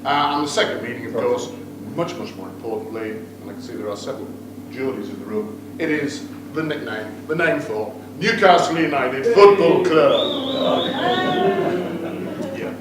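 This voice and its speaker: Animated and medium-pitched, a middle-aged British father of the groom speaks at a moderate pace during his wedding toast. He teases and jokes, with playful asides to the guests, and the reception room recording is distant, very echoey and noisy.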